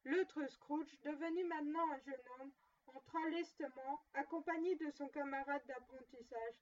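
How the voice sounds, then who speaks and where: Woman reader, storybook reading, high voice, distant, dull lo-fi sound. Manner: steady, measured narration.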